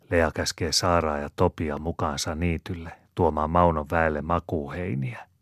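A man narrates an audiobook in a calm, measured way. His voice is very deep and low, recorded close and dry with no room sound. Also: no room sound. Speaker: audiobook reader.

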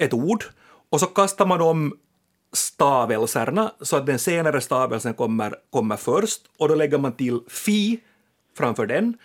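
A man with a Finland Swedish accent co-hosting a radio chat, playful as he reads out listener messages. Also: fairly high pitch. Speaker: radio co-host.

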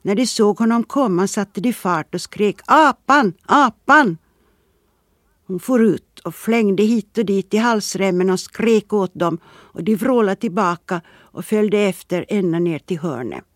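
A reader giving calm, measured scripted narration of a literary story. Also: mid-range voice, dry recording, studio quality. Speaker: audiobook reader.

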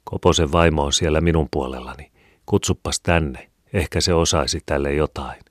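Storybook: practical, plain-spoken neighbor woman, voiced by a deep-voiced male reader; dry and close. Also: no echo. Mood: blunt. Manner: blunt, matter-of-fact.

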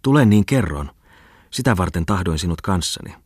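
A man voicing an excitable, garrulous male scholar in an audiobook reading, rambling in bursts. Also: sits low, slightly rough, no room sound, studio quality, exaggerated voice. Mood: agitated. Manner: rapid exclamatory rambling.

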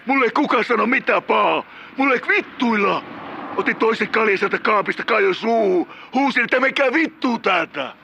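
A man voicing a volatile middle-aged drug-using killer who calls a radio show, rambling and cursing, bursting into shouts. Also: high-pitched, gravelly, highs cut off, slight background noise, voice pushed up, exaggerated voice. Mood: menacing. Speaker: caller.

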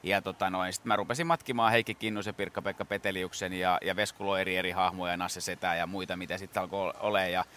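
A man's voice: low voice, little pitch movement, hardly any pauses, pushed and bright, a little hiss or hum. A man, a guest impressionist, telling stories in a rambling way, with many fillers and restarts, in a radio studio. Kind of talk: casual interview talk.

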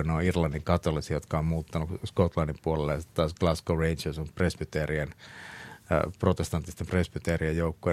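A middle-aged man, a talk show guest, telling stories in a chatty way with many fillers and frequent laughs. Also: sits low. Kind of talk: casual storytelling interview.

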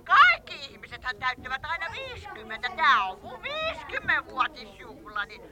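An actress playing a vain, touchy old female witch, bossy and quick to take offence, in a radio play. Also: high-pitched, wildly swooping pitch. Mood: indignant. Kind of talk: 1970s-style radio play acting. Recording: radio play with crowd bustle behind.

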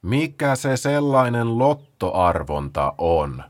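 A man voicing lazy, sleepy sloths for a children's storybook, drawling very slowly with yawning hesitations. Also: mid-range voice, sing-song, natural voice.

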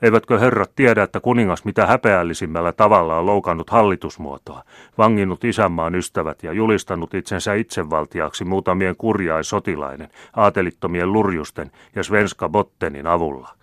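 A man reading an audiobook, voicing an older hot-tempered general who shouts fiery demands. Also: deep voice, few pauses, no echo, studio quality.

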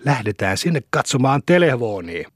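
A man voicing an eager, excitable young village boy full of plans. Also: medium pitch, no echo, clean studio sound. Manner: eager, wondering questions.

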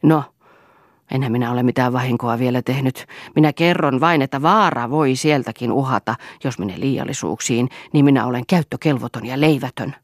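A woman's voice: rumbling low, dry recording, clean studio sound. A woman voicing a moody, self-pitying husband in an audiobook, speaking in sulky, boastful outbursts. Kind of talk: audiobook character reading.

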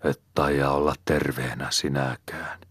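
A man reading aloud voices a rough male bear hunter who shouts boldly in the wild. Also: a bass voice, flat delivery, dry recording, full character voice. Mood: worn out. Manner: shouting, bold.

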